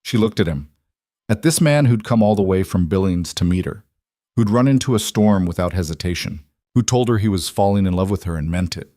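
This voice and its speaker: Low-voiced man narrating a story. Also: no echo, clean studio sound. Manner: measured, even storytelling. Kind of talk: scripted narration.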